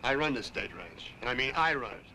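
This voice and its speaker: Bossy rancher, blunt, bright forceful voice, early TV drama. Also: male voice, medium pitch, animated, fairly quick, creaky, a little hiss or hum, full character voice, poor audio. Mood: commanding. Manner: blunt, commanding. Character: gruff middle-aged male date farmer, bossy, possessive. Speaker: ranch owner. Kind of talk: 1960s TV drama acting.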